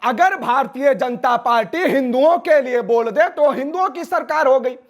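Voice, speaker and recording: A man with an Awadhi Hindi accent speaks with great heat as an interview guest. He declaims and fires off rhetorical questions. His voice sits very high for a man. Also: moderate pace. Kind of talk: impassioned interview answers.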